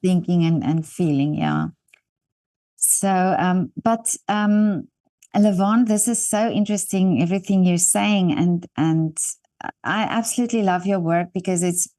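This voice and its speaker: Hosting an interview conversation, this Afrikaans-speaking woman from South Africa talks in a fairly low, unhurried voice with a South African accent. Her manner is warm and encouraging, though she rambles and often starts over.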